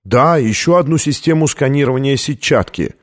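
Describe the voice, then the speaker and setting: A man's voice: medium pitch, lively intonation, normal speed, close to an everyday voice. Young woman scientist in an audiobook, firm and matter-of-fact, man reading her.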